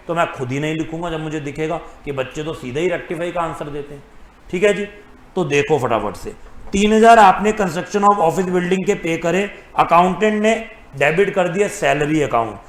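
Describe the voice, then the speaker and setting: A man's voice: on the high side, moderate pace. A man teaching accounting in a classroom lecture, asking the class questions and answering them himself, with English terms mixed in. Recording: echoey classroom.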